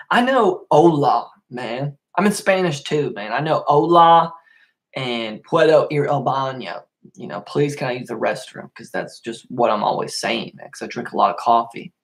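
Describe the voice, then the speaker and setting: A young man hosting a casual solo podcast, rambling and swearing a lot, getting worked up and then calming down. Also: medium pitch, vocal fry. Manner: rambling, profane, easily worked up. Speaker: podcast host.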